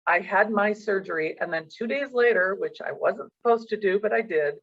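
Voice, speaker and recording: A woman's voice: mid-range voice, normal speed. A middle-aged woman, a professional coach, earnestly tells a personal story in an interview, acting out the dialogue she recalls. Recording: dull lo-fi sound.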